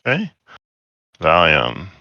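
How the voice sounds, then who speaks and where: Deep, slow-talking game master. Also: male voice, huge pitch swings, gravelly, no room sound, dull audio. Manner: unhurried, matter-of-fact rulings. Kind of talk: narrating a tabletop game.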